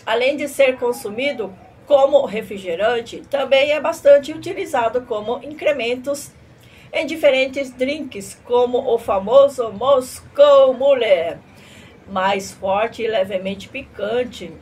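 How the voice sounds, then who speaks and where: A woman's voice: fairly high pitch, takes it slowly, darkish tone. A middle-aged woman presenting a tasting vlog in a cutesy anime-streamer manner, sprinkling in Japanese catchphrases. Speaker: vlogger reviewing drinks. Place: tiled home room at a table. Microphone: camera a short distance away. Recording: clear ambient room noise.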